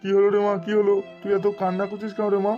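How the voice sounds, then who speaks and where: A man's voice: sits high, monotone, rapid-fire, dull audio, lightly acted. A man voicing a crude, hot-tempered father who swaggers and spits foul-mouthed threats, in an amateur cartoon dub. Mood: coaxing. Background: music.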